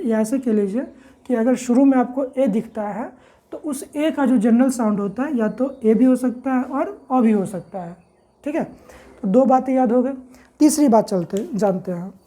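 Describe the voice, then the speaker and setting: A woman teaching English pronunciation in a classroom-style lesson, spelling words out slowly letter by letter and asking her own questions before answering them. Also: on the high side, warm tone.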